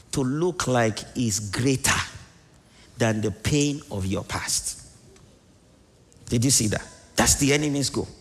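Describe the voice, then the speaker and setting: Man, preacher, gravelly voice, long reverberant hall, emphatic sermon delivery, rhetorical questions. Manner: dramatic swings in pitch and volume, sudden emphatic rises; repetitive, rhetorical questions to the congregation.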